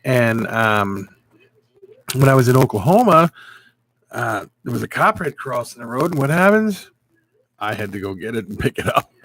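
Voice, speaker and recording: A chatty man hosts a casual live stream, rambling along and greeting his viewers by name. His voice sits at an everyday middle pitch and comes through a webcam mic. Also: big pitch swings, moderate pace, pauses often, a bit bright.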